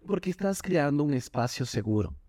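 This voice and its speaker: A man, a doctor and Zumba instructor, talking with animated energy in a podcast interview, acting out quotes in a higher voice. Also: a little fast, no echo, studio quality. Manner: animated, jumps in pitch when quoting people. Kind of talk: enthusiastic interview talk.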